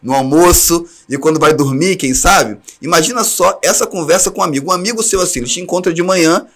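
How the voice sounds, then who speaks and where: A man from Brazil leads an online class for teachers, giving earnest, direct advice. His voice sits on the higher side and he keeps a quick pace. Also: a bit bright. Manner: earnest advice, speaks straight to listeners. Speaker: teacher trainer.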